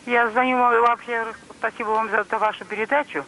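A woman's voice: on the high side, fairly even intonation, a little fast, bright, forceful tone, slight background noise. A woman calling in to a TV show over the phone, telling a personal story earnestly and plainly, acting out the dialogue she retells. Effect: heard over a phone line on air. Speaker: caller to a TV call-in show. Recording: phone call aired on a broadcast.

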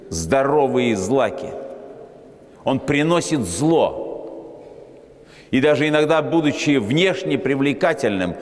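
A man preaching a sermon in a measured, solemn way with long pauses, as an Orthodox preacher in a large church. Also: medium pitch. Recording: long hall reverb.

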